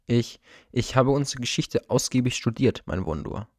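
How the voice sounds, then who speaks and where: A man's voice: on the low side, fairly even intonation, moderate pace, darkish tone, no echo, studio quality, lightly acted. A man reading the part of a proud but nervous male guardian of his people in an audiobook story, firm yet uneasy and respectful. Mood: earnest, uneasy.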